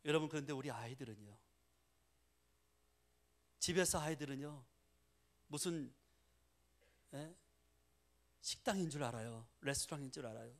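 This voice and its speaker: Speaking with medium pitch at a moderate pace and leaving long pauses, a middle-aged pastor delivers an animated sermon. He frequently nudges his congregation with rhetorical questions.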